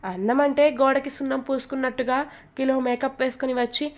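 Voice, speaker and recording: A woman playing a cheeky young man in a storybook romance, boastful and mocking. His voice sits a little high and has a soft, mellow tone. He talks with easy, smug confidence. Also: fairly even intonation, a little fast, close to an everyday voice. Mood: cutting. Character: cocky teasing young man.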